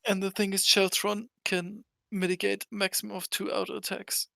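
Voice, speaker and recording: A man's voice: high voice, little pitch movement, normal speed, gravelly, pushed and bright, no room sound. A man chatting casually over voice chat about a game raid, laid back and laughing often. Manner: laid-back, chuckling gamer talk. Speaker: tank player in a raid group.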